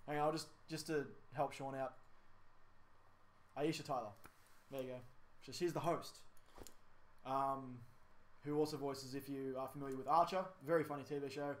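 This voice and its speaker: A young man co-hosts a casual gaming podcast at an ordinary, middle pitch. He rambles along, filling gaps with ums and correcting himself as he goes. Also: steady tone, moderate pace, long pauses. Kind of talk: casual chat.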